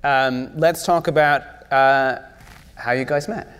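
A man's voice: mid-range voice, steady tone, takes it slowly, fairly bright tone, clean tone. A man moderating a casual live interview on stage, asking questions conversationally. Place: stage before live audience. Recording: echoey hall, live event.

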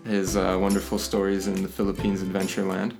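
A man hosting a casual interview podcast, talking in halting, pause-filled phrases. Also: low-pitched, completely flat delivery, gravelly, music in the background. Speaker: podcast host.

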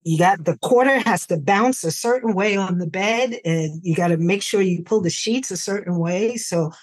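Storytelling New woman, lowish voice. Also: moderate pace. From New York, USA. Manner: relaxed storytelling with frequent "like" and "you know". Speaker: podcast guest. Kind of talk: conversational interview.

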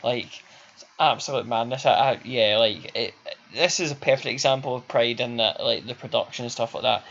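A man's voice: mid-range voice, brisk, gravelly, a bit bright, a little hiss or hum. Chatty Glaswegian man on a podcast. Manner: chatty, laughs often, enthusiastic. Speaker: podcast co-host. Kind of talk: casual chat reviewing a fight. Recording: dull lo-fi podcast audio.

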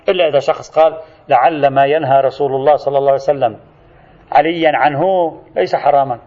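A fast-paced man delivers a methodical jurisprudence lesson, pausing to define terms. His voice sits a little high for a man. The recording is dull and lo-fi. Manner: methodical, explanatory, quotes narrations and glosses words. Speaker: Islamic jurisprudence lecturer. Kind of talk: religious lecture.

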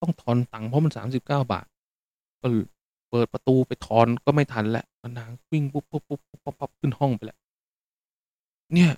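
A man's voice: mid-range voice, brisk, pauses often, mellow, no echo, voice pushed up, natural voice. A man doing a grumbling old taxi driver. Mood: aggrieved. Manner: complaining, self-pitying rambling. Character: aggrieved older male taxi driver in his sixties.

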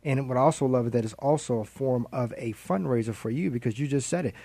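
A man's voice: mid-range voice, fast, warm tone, dry recording. Chatty male radio host, dry sound. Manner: enthusiastic, chatty. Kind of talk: radio interview.

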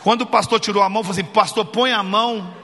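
In a reverberant church hall, a pastor with a high-pitched voice preaches quickly from the sanctuary. He's jokey and animated, telling a funny story and acting out the dialogue.

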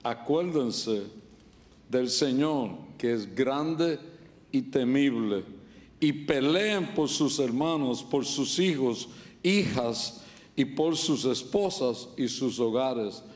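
A man's voice: mid-range voice, animated, darkish tone. A middle-aged man from Puerto Rico with a Puerto Rican accent, preaching a humorous sermon at a church service, full of jokes and stories. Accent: Puerto Rican Spanish. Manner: joking, storytelling, quick asides. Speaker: pastor.

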